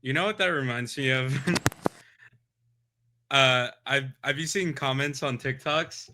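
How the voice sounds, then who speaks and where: A man's voice: mid-range voice, measured pace, bright, forceful tone. A man co-hosting a podcast in casual chat, laid-back and laughing a lot. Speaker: podcast co-host.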